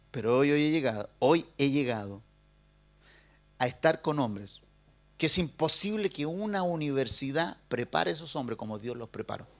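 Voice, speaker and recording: A middle-aged man preaching a sermon as pastor, swinging from loud urging to hushed confession. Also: mid-range voice.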